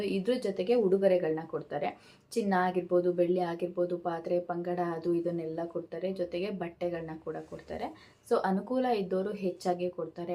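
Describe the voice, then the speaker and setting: A woman vlogger with a lowish, fry-tinged voice talks casually to camera, explaining festival rituals step by step. Her delivery is steady, peppered with "so" and small hesitation sounds.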